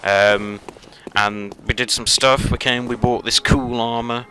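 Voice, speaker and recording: A man hosting a casual let's play, talking in a rambling, halting way full of fillers and self-corrections, recorded at home on a headset. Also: medium pitch, fairly even intonation, sharp tone. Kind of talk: casual gameplay commentary. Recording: noticeable background noise.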